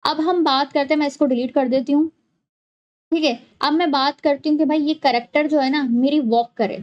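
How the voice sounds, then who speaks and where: High-voiced woman patiently teaching software. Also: steady tone, normal speed, dull audio. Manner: patient step-by-step explaining, repeats points. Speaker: animation tutorial host. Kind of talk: screen-recorded software tutorial.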